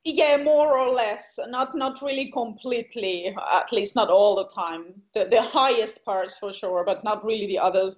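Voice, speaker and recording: A woman's voice: medium pitch, muffled recording. A Finnish woman being interviewed about her singing, speaking English with a Finnish accent, searching for words and laughing often. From Finland. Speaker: guest singer. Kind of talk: casual interview chat.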